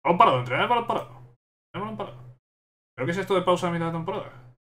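A man's voice: sits high, animated, fast talker, pushed and bright. Exasperated young man ranting at a game. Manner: exasperated, repeats himself, rants at the game. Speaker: gaming YouTuber. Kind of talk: live gameplay commentary.

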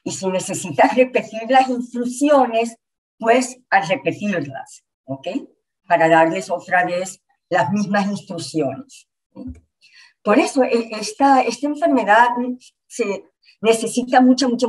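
A woman health educator giving a lecture in short, patient phrases, often pausing to check in with her listeners. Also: medium pitch, expressive, low-quality recording. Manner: patient, repeats points, checks in with "¿ok?" and "¿verdad?". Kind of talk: slide-based community lecture.

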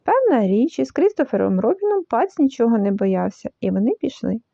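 A woman reading a children's story aloud in an expressive, animated way. The recording is dull and lo-fi. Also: on the high side, fairly quick, creaky, no room sound. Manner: lively, animated, full of voices.

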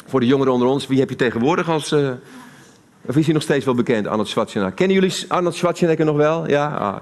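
A man's voice: mid-range voice, lively intonation, fast talker, a little mellow. A man with a Dutch accent giving a live sermon in a church hall, talking conversationally and putting questions to the congregation. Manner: conversational, asks the audience questions. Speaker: preacher.

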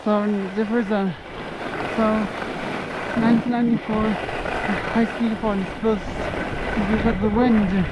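A ski vlogger giving halting, casual running commentary while skiing down an outdoor slope, recorded on a worn action camera; the speaker often repeats and restarts words. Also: mid-range voice, level tone. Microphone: action camera worn by the skier, not seen. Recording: dull muffled sound with loud wind noise.

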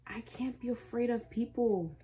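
Candid and casual, a 20-year-old woman rambles reflectively for her personal vlog from a small bedroom indoors. She speaks at a moderate pace in a fairly high, mellow voice.

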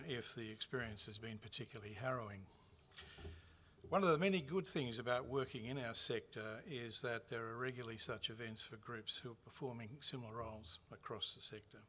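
A man, a university executive, opening a conference with a measured, formal address that carries light touches of humor. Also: medium pitch, fairly bright tone, slight background noise. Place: conference venue.

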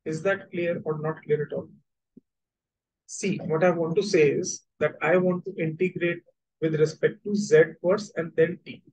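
A man's voice: on the high side, fairly even intonation, unhurried, a little mellow, breathy edge, low-quality recording. A man with a North Indian accent teaching an online maths lesson, repeating his points as he explains. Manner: repetitive explaining, switching between languages, checking understanding.

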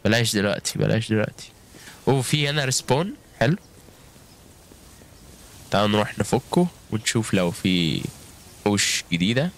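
A man's voice: on the low side, expressive, fairly quick, long pauses, a little hiss or hum. A man with an Egyptian Arabic accent giving chatty gameplay commentary, calling out to viewers with frequent exclamations. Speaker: gaming YouTuber.

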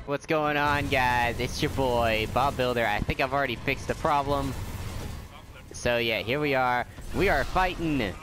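A young man in mid pitch hosts a casual let's play, joking and trash-talking the enemies as he goes. Loud game music plays right under his voice. His delivery is loose and playful. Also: measured pace. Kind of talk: casual gameplay commentary.

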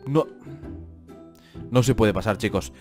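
A man's voice: fairly low pitch, slow pace, darkish tone, soft background music. A young man with a Spain Spanish accent giving gameplay commentary, exasperated and complaining, with dramatic outbursts. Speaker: gaming youtuber.

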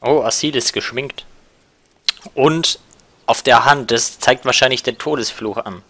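A man's voice: medium pitch, a little slow, bright, forceful tone, no echo. Casual male Let's Play commentator.

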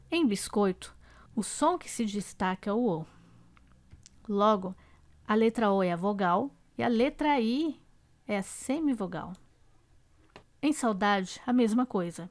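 A woman with a Brazilian Portuguese accent teaching a slide-based grammar lesson, slow and careful, repeating example words aloud. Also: mid-range voice.

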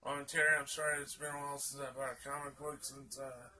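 A man's voice: medium pitch, level tone, fast talker, sharp tone, far from the mic. A tired, sleepy man rambling casually to his vlog viewers, with lots of restarts. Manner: rambling, many fillers and restarts. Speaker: YouTuber.

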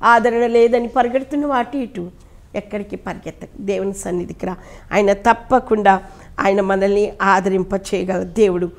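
A woman pastor with a Telugu accent, preaching a sermon fervently, swinging between loud rises and hushed drops. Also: medium pitch, moderate pace. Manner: repeats pleading prayer lines ending in "ayya".

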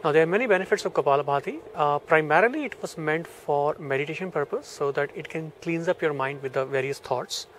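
A man with an Indian accent speaks as a yoga instructor in a fairly high voice. He explains in short, hesitant phrases, recorded outdoors in a garden with faint background noise. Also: brisk, few pauses, a bit bright, rough recording. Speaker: yoga trainer. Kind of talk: instructional talk to camera.

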